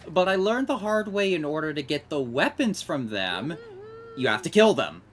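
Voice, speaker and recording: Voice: medium pitch, big pitch swings, moderate pace, a little hiss or hum. A gamer giving casual commentary over gameplay and muttering while playing.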